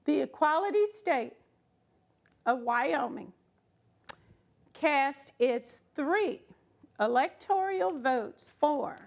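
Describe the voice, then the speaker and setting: Reading a children's story to young listeners, a woman speaks in a high-pitched, animated voice with vocal fry. She adds emphatic stresses, dramatic pauses and friendly chatty asides.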